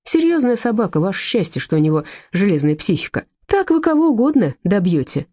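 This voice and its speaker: A woman voicing a calm, firm man who speaks steadily and with confidence. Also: mid-range voice, brisk.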